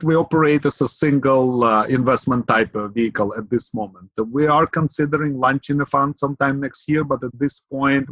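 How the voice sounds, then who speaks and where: Appearing as a podcast guest, this middle-aged real estate investor from Ukraine talks in English in an earnest, even way, measured in pace, using fillers and asking "right?". His voice is medium-pitched, with dry, slightly dull audio like a remote call and no room sound.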